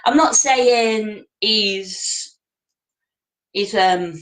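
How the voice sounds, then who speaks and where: A woman's voice: mid-range voice, extremely slow, a bit bright, low-quality recording. A woman co-hosting a casual chat, hesitant, with many ums and agreeing yeahs. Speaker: podcast co-host.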